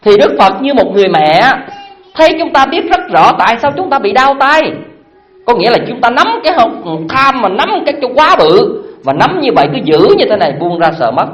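A Buddhist dharma teacher, giving a sermon with lively storytelling and many questions put to the listeners. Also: medium pitch, a little fast, echoey room. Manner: lively storytelling with frequent rhetorical questions to the audience.

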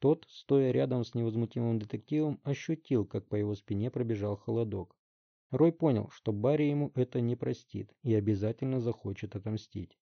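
A man narrating a story as an audiobook in an even, steady manner. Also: mid-range voice, a little fast, gravelly, no room sound, highs cut off.

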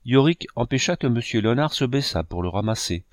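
A man giving a measured, solemn audiobook narration of a novel. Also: medium pitch, expressive, no echo, studio quality. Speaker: audiobook reader.

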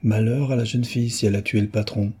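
A man's voice: on the low side, fairly even intonation, fast talker, darkish tone, close to an everyday voice. A man voicing an eager young amateur detective, insistent and fervent, in a storybook reading. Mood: reasoning.

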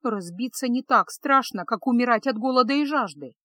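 A woman's voice: on the high side, expressive, moderate pace, bright, forceful tone, dry recording, clean studio sound. A woman voicing a frightened young female witch apprentice in an audiobook, pleading and tearful.

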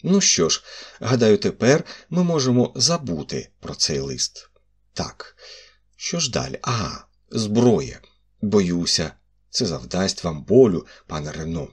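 A man voicing a fussy, sentimental older examining magistrate with a husky voice and an officious manner. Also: low voice, sing-song, measured pace, full character voice. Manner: indignant, then indulgent.

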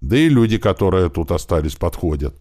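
Male audiobook narrator, very deep, dry close sound. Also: big pitch swings, a little fast, a little mellow, no echo.

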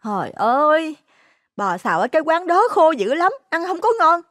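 A woman voicing a rude, sharp-tongued young girlfriend in a story, speaking with scorn. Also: high-pitched, big pitch swings, moderate pace, dry recording, studio quality. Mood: scornful. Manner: scornful, snapping, insolent.

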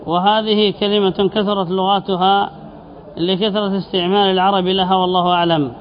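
Male sheikh, high voice, methodical text commentary lesson, dull lo-fi recording. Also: flat delivery. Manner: reads text aloud then explains, repeating word forms slowly; asks students questions. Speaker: sheikh teaching Arabic grammar and rhetoric. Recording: dull lo-fi lecture recording with faint hiss.

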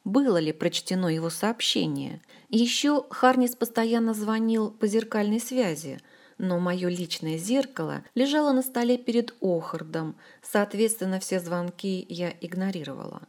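Woman audiobook narrator, first-person, wry and expressive, middle-pitched voice.

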